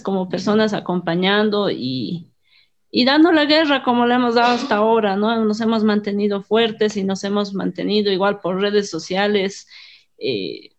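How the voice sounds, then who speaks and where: A woman's voice: mid-range voice, highs cut off. A woman from Bolivia with a Bolivian accent, speaking conversationally as an interviewee. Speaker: interviewee, grassroots party supporter.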